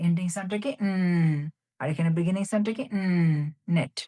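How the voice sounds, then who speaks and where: A woman's voice: fairly low pitch, fairly even intonation, dark tone. Woman teacher drilling phonics sounds. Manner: drills sounds by repeating them slowly, explaining in Bengali. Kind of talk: phonics lesson.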